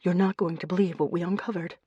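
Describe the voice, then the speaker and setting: A woman narrator voicing a lively, pushy female friend, raising her voice high and loud. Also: fast, husky, dry recording, highs cut off. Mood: eager.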